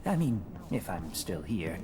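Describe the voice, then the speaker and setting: A furtive shopkeeper hawks to customers in a video game. The voice is eager and animated, set in heavy background noise. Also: male voice, sits low, measured pace. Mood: eager, sly. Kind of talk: scripted game dialogue. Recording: loud street ambience behind.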